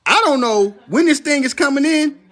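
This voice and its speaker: A man's voice: very high voice, moderate pace. A man, preaching about prophecy in casual livestream talk, swearing and asking "right?" again and again. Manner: preachy, excitable, swears, asks "right?" often.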